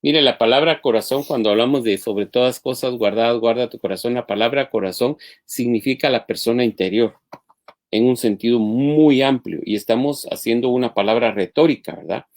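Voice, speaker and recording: A man's voice: mid-range voice, a little fast, no echo. Man explaining in a teacherly way. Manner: explanatory, teacher-like, restarts mid-phrase. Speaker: marriage talk co-host. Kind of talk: live-streamed marriage teaching.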